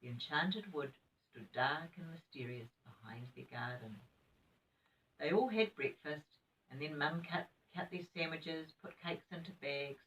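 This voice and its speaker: A woman's voice: sits low, measured pace, slight background noise. Sweet older New Zealand lady, slightly distant. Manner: sweet old lady, gentle and expressive. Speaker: grandmother reading to grandchildren. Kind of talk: children's storybook reading with chatty asides.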